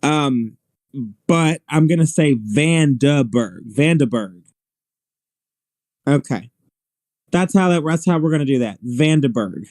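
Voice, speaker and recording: A man's voice: fairly high pitch, moderate pace, long pauses, a little mellow, no room sound. A man co-hosting a live weather stream, rambling and laughing often in casual on-air chat.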